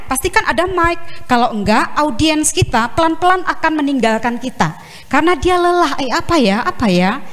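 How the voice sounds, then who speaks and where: A high-voiced middle-aged woman teaches public speaking on a campus. She talks in a lively, chatty way, speeding up and slowing down. Her voice rings with the long echo of a big hall. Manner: lively, varies pitch and pace, chatty asides. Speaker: lecturer. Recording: reverberant hall.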